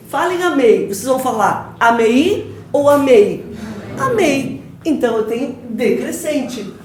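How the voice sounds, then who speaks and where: A woman's voice: high voice, darkish tone. A Brazilian woman teaching an exam-prep grammar lecture to a class, firing questions and drilling answers in call-and-response. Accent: Brazilian Portuguese. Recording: echoey classroom, mic at a distance.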